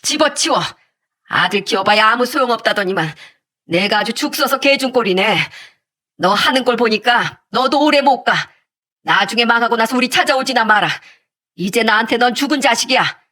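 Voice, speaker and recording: A woman voicing a sharp-tongued older mother-in-law who talks in curt, bossy, sneering jabs, in a storybook-style telling. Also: fairly high pitch, normal speed. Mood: furious. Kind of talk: storybook narration with acted voices.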